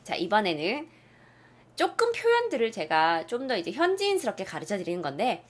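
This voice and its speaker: A young woman teaching English in a casual video lesson, acting out example lines with big jumps in pitch and dropping to a whisper for asides. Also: wildly swooping pitch, a little fast.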